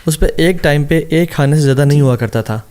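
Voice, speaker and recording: A man's voice: a little high, a little mellow, clear, resonant tone. A man hosting a talk show, chatting casually and mixing in English and religious phrases. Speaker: host.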